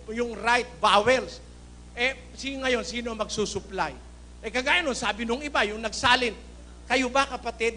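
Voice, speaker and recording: A man preaching in a Filipino accent, forceful and indignant, firing rhetorical questions at his congregation. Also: extremely high pitch, slight background noise. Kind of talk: Taglish sermon with Bible readings.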